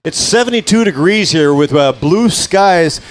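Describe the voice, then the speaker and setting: A man giving live bike race commentary, full of dad jokes and energetic calls of the action. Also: fairly high pitch, unhurried, slight background noise.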